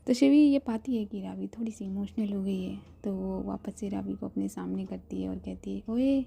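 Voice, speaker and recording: A woman storyteller narrating a love story in a soft whispered storytelling voice with casual asides. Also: medium pitch, steady tone, moderate pace, gravelly, a little hiss or hum.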